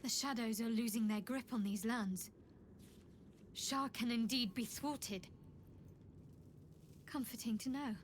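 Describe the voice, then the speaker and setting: A woman's voice: a little high, takes it slowly, long pauses. A woman playing a reserved, dry adventurer companion in a video game. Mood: measured, guarded. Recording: faint noise, background ambience.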